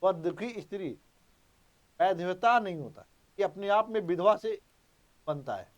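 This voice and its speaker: A man's voice: high voice, lively intonation, unhurried, highs cut off. A man teaching an exam-prep grammar lesson, emphatic and repetitive, quizzing his students as he goes. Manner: emphatic, repeats key points, quizzes students.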